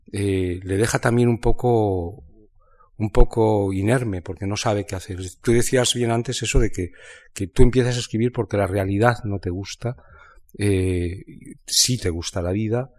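A man from Spain talking about literature in a reflective conversation, thinking aloud with many pauses and restarts. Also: fairly low pitch, darkish tone. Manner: thoughtful, halting, many restarts and fillers. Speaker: writer in conversation.

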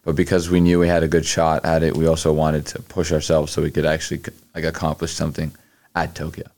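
A young adult man, a college athlete appearing as a guest, answers interview questions casually. His bass voice is monotone and darkish, and his speech is halting, packed with fillers and restarts.

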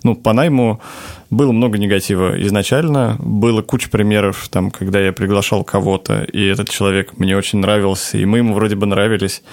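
A man's voice: fairly low pitch, fairly even intonation, brisk, a little mellow. A man giving casual interview answers as a design lead, explaining things with careful hedges.

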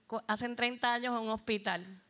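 A woman's voice: a little high, fairly even intonation, brisk, a bit bright. A middle-aged woman with a Puerto Rican accent, giving a heartfelt church testimony as a worship singer and speaking directly to the congregation.

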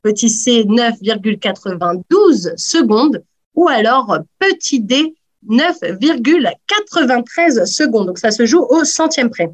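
A woman's voice: a little high, expressive, unhurried. A woman hosting a radio sports quiz over a video call, teasing the players. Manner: playful, teasing. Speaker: quiz host.

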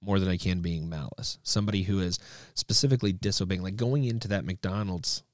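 A man's voice: deep voice, steady tone, fairly quick, no room sound, studio quality. A man co-hosting a podcast, telling stories in a rambling, self-correcting way. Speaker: podcast co-host. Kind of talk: casual conversation.

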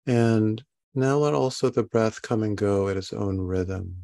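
A man guiding a body scan meditation in a calm, soothing, halting manner with long pauses between phrases. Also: on the low side, vocal fry. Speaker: meditation guide.

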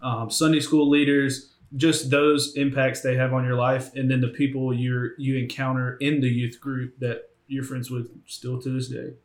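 A man's voice: medium pitch, flat delivery, normal speed, hardly any pauses. A 22-year-old man on church ministry staff, speaking in an easygoing way on a podcast. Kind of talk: casual podcast conversation. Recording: echoey room.

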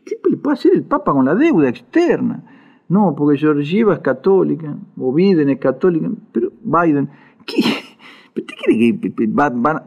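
A man's voice: on the high side, darkish tone. A man giving heated political commentary, emphatic and indignant, repeating his points for emphasis. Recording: dull lo-fi audio.

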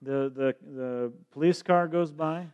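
A man's voice: on the high side, slow pace, clean tone, lo-fi sound. A man interpreting a sermon into English live, often restarting and repeating words as he looks for the right phrase.

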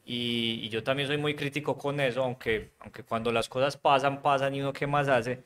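A man from Medellín with a paisa accent, hosting a casual interview in a relaxed, chatty manner. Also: medium pitch, moderate pace, slight background noise. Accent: Medellín Colombian (paisa). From Medellín, Colombia. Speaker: host.

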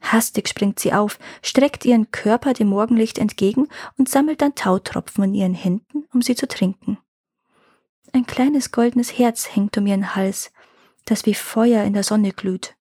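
A woman narrating a fairy tale aloud in a calm, measured storybook reading. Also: medium pitch, breathy edge, no echo, clean studio sound.

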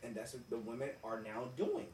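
A man's voice: mid-range voice, animated, fairly quick, darkish tone. A man debating casually with friends, slangy and emphatic, often repeating himself to make his point. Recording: some background noise and room ambience.

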